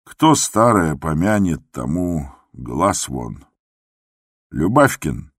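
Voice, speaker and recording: A man voicing a jovial, boisterous old postmaster who talks loud and drawn out. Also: extremely low pitch, very animated, husky, no room sound, studio quality, exaggerated voice. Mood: booming. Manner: hearty, loud, drawn-out joking.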